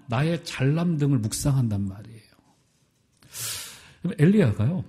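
A middle-aged male pastor preaching a sermon, asking the congregation questions and swinging between loud and soft. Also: a little high.

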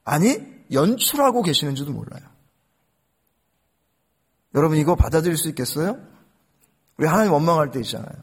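An impassioned male pastor preaching a sermon in a high voice. His delivery swings widely in pitch, and he keeps turning to speak straight to the congregation. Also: big pitch swings, fairly quick, pauses often, slightly rough. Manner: impassioned, addresses congregation directly.

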